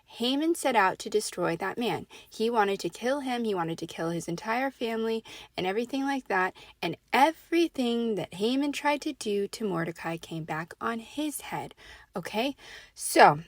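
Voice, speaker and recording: A woman's voice: a little high, expressive, normal speed, no echo. A woman giving a casual faith talk to her audience, emphatic and conversational, often checking in with "right?" and "okay?". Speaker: faith speaker. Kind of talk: casual preaching monologue.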